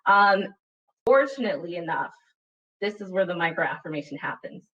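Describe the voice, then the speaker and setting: A woman's voice: fairly low pitch, expressive, normal speed, a bit bright. A woman from Utah, a panelist telling a personal story in a webinar, earnest and reflective, often checking in with "right?". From Utah, USA. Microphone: video call computer mic. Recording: dull, distant webinar audio.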